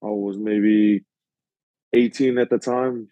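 A man's voice: fairly low pitch, fairly even intonation, slow, no room sound, lo-fi sound. A young man in his twenties with a New Zealand accent, a rugby league player guest who answers modestly and hesitantly with many fillers. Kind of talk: casual podcast interview.

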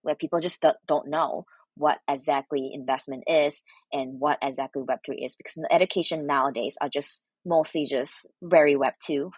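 A Malaysian woman whose first language is Mandarin Chinese answers interview questions as a guest in a soft, husky, low voice with fairly even intonation. She speaks haltingly, with many restarts and fillers, and there is no room sound.

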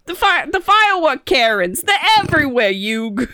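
A woman's voice: high voice, sing-song, normal speed, sharp tone, no echo, voice pushed up, exaggerated voice. A woman putting on a Brooklyn accent to voice a cocky young male card duelist from a cartoon. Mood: brash.

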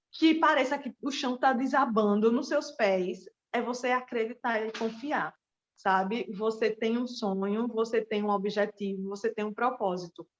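A woman's voice: a little high, muffled recording. A woman who teaches pole dance and runs a small business, telling her personal story earnestly and speaking straight to her listeners. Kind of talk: personal testimony.

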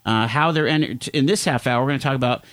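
A man in his late fifties hosting an interview, chatty and halting with many fillers. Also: medium pitch, a bit bright. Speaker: interview host. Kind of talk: radio interview.

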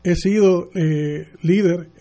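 A middle-aged man from Puerto Rico, speaking with a Puerto Rican Spanish accent, answers questions as a mayoral candidate guest on a radio interview, earnest and halting with many restarts. His voice sits high, steady, and warm.

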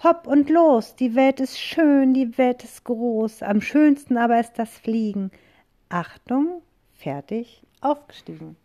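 A woman voicing a frightened, excitable female witch with shrill, loud cries while reading a rhyming picture book aloud. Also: slow pace. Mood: joyful.

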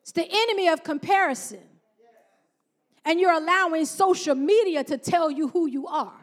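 A middle-aged woman pastor, preaching with very high pitch. She leans into call-and-response and stretches out key words for emphasis. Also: normal speed. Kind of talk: sermon.

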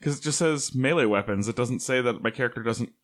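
A man's voice: mid-range voice, quick pace. A young man playing a tabletop game, eagerly arguing the rules and tripping over his own restarts. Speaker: player.

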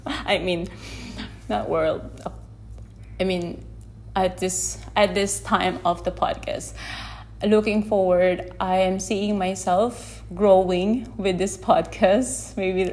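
This podcast host is a woman from the Philippines, Tagalog her native language, musing unscripted into a handheld phone amid background sound in an unedited setting. Her mid-range voice carries vocal fry, and she talks gently, frequently restarting while groping for words.

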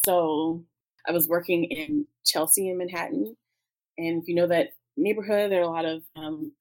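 A woman telling her story in an interview, talking through tears, halting with many fillers. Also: lowish voice, fairly even intonation, low-quality recording. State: tearful. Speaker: guest.

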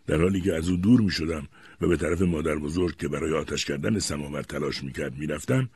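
A man narrating an audiobook in an expressive storytelling manner. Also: extremely low pitch, husky. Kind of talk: scripted narration.

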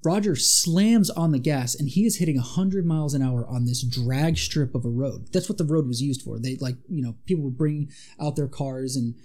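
A man's voice: medium pitch, moderate pace, hardly any pauses, a little mellow. A man co-hosting a podcast, casually retelling a monster legend with dramatic asides. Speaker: podcast co-host. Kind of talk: casual storytelling chat.

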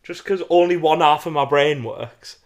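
A man's voice: a little high, moderate pace. A man co-hosting a podcast, chatting casually in a self-deprecating, giggly way. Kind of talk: casual banter.

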